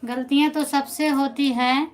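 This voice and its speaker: A woman with an Awadhi accent hosts a casual live stream on her phone. Her voice sits high and stays fairly even in tone. She chats with her viewers, answers them by name and reassures them warmly. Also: a little slow, rough recording. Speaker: folk singer hosting a live stream.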